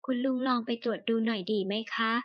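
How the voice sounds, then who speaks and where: A woman's voice: a little high, fairly even intonation, quick pace, dry recording, muffled recording, natural voice. Woman voicing a confident, kind young wife. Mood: assured, caring.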